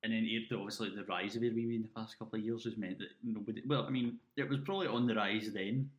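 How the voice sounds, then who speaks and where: A man's voice: fairly low pitch, steady tone, fast talker. A man co-hosting a casual podcast, picked up by a laptop microphone with a muffled, underwater sound. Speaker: podcast co-host. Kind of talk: casual chat. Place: indoors at home.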